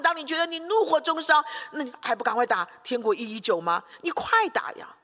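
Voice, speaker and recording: A woman preacher with a high, bright voice delivers an emphatic sermon. She builds her points through long runs of repeated rhetorical phrases. Her voice carries a long, echoing church-hall reverb.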